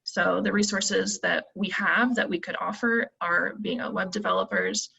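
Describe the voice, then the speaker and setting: A young woman from Phoenix walks through her team's pitch on a video call. Her voice is gravelly and a little husky, and she stops often for ums. The audio is dull and lo-fi. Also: moderate pace, bright, forceful tone. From Phoenix, United States. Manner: earnest, many ums while thinking. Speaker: team presenter.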